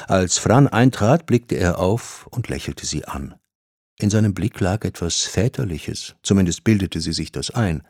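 A man reading an audiobook as narrator, telling the story in a steady, measured way. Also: deep voice, no room sound, studio quality.

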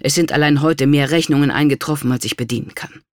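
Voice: mid-range voice, fast talker, dry recording, studio quality, lightly acted. A narrator doing a bitter, weary nobleman. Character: worried indebted nobleman, bitter.

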